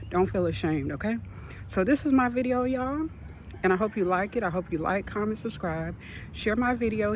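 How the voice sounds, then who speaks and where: A man's voice: high voice, slight background noise. A man vlogging a motivational talk, earnest and encouraging, rambling with lots of fillers and a bit out of breath.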